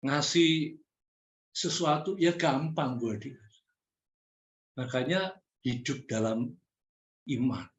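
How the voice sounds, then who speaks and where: Male preacher, mid pitch, casual direct sermon delivery, roomy reverb. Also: slow pace, long pauses. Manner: conversational preaching, direct challenges to the congregation. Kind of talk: sermon teaching.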